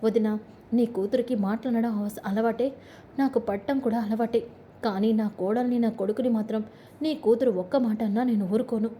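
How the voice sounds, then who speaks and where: A woman's voice: on the high side, steady tone, normal speed, a little hiss or hum, lightly acted. A woman doing a bossy doting old grandmother. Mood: scolding. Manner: scolding and fussing, sharp when crossed.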